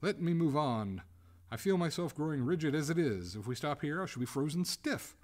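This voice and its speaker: Man voicing a melodramatic, formal lady ghost, animated pitch. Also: moderate pace. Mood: desperate pleading. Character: female water ghost, haughty lady turning to desperate pleading.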